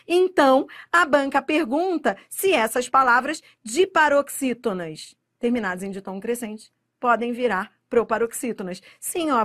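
A woman with a Brazilian accent gives a grammar lesson aimed at exam takers, her voice sitting a little high for a woman. She speaks directly to the viewer, drawing out the key words slowly and then hurrying through the explanations around them. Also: a bit bright. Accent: Brazilian Portuguese. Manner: emphatic, drawn-out stressing of key words, direct address to the viewer. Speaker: Portuguese grammar teacher. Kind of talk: exam-prep lecture to camera.

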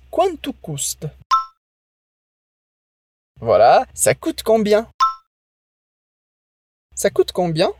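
A French teacher gives a language lesson, modeling phrases slowly and carefully so the listener can repeat them. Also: mid-range voice, darkish tone, no echo, clean studio sound.

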